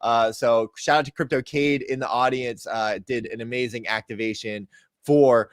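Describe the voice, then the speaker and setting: A man co-hosting a crypto gaming show, talking through market news casually in hyped crypto-bro slang with shout-outs. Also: medium pitch, steady tone, moderate pace, dry recording.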